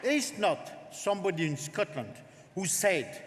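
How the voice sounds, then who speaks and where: A man's voice: sits high, measured pace, some chatter behind. French-accented man at a conference lectern. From France. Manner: lively, jokey, emphatic. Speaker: conference speaker, politician. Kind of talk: political conference speech. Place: large conference hall. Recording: reverberant hall, faint noise.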